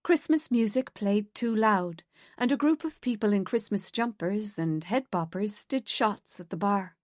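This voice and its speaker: Female narrator, measured audiobook delivery, dry booth sound. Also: medium pitch, dry recording. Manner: steady, measured storytelling. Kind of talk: scripted narration.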